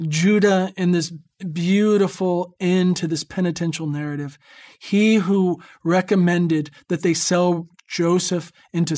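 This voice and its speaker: A man giving a reflective lecture on scripture in a measured, earnest way, pausing for emphasis. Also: high-pitched, darkish tone.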